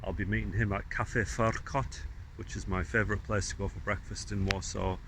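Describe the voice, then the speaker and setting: A man chatting casually to camera while walking around a city, relaxed and laughing easily. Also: lowish voice, fairly quick. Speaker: travel vlogger. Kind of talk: casual travel vlog. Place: outdoors in a city and a park. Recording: outdoor street noise behind.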